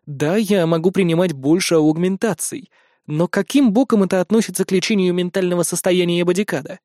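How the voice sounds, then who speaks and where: A man's voice: sits high, fairly even intonation, a little fast, darkish tone, dry recording. Dry-voiced male audiobook narrator. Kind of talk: scripted first-person narration.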